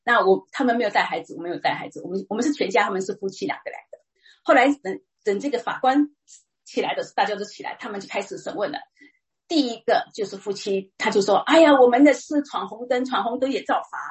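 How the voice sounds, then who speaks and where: A middle-aged woman giving a personal church testimony, retelling it in a lively, chatty way with frequent restarts. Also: mid-range voice, quick pace.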